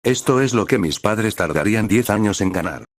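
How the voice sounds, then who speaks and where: A man reading the lines of a cheerful, determined teenage hero girl in an even, unchanged voice. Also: fairly low pitch, moderate pace, dry recording, studio quality. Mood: earnest. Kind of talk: scripted fanfic reading.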